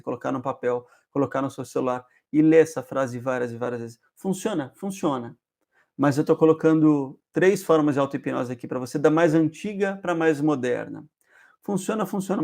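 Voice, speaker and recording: A man's voice: fairly high pitch, vocal fry, darkish tone. A man, a hypnotherapist hosting a casual spoken lesson, explaining with repeated example phrases and often checking in with the listener. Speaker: hypnotherapist host.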